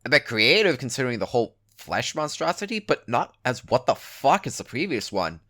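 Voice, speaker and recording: A man's voice: medium pitch, big pitch swings, a little fast, sharp tone, no echo, studio quality. A man giving a dramatic reading of an online story in a casual, sweary, emphatic first-person way. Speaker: narrator reading a written forum post aloud.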